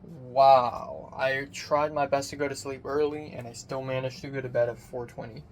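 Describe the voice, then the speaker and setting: A young man rambling through a casual personal vlog, swearing casually, his voice thin with no bass on a phone microphone. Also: flat delivery, normal speed. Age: young adult. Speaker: vlogger. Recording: thin bassless phone mic, background noise.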